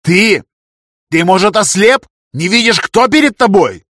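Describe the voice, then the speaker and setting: A man voicing a pompous, hot-tempered senior adviser to an emperor who bosses people around and flies into loud rages. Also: mid-range voice, expressive, moderate pace, slightly rough, no room sound, studio quality. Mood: furious. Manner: shouting, bossy, easily outraged.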